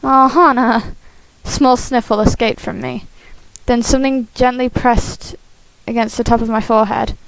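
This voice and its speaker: High, clear-voiced woman reading a game aloud. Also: steady tone, normal speed, few pauses, darkish tone, no echo, low-quality recording. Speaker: host of a game playthrough series. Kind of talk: expressive visual novel read-aloud with casual asides.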